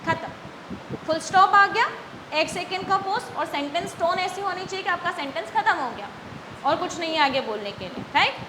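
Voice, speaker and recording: A woman with a very high voice teaches a beginners' English class, asking a question and then answering it herself. The room echoes and a steady noise runs underneath. She explains each point patiently. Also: a little fast. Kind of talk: classroom lesson, Hindi with English.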